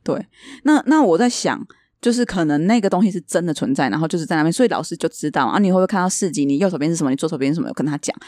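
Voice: medium pitch, expressive, racing, a little mellow, dry recording, studio quality. A podcast co-host telling a story in casual chat and acting out the quoted dialogue.

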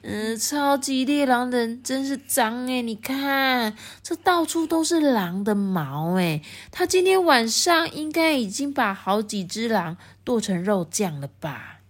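A woman voicing a cheeky youngest piglet brother in a storybook, drawing out words in a slow, sing-song, teasing way. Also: on the high side, lively intonation, pitched above the performer's own voice.

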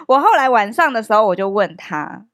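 A woman's voice: medium pitch, fairly quick, no echo, studio quality. A young woman, co-hosting a casual podcast chat and telling stories with laughter and acted-out quotes. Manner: animated storyteller, laughs often, acts out quotes. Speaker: podcast co-host.

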